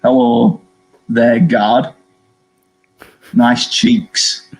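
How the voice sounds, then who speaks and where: A man voicing a leering, flirtatious prisoner in a slow, creepy, serial-killer-like manner. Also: mid-range voice, soft background music, low-quality recording.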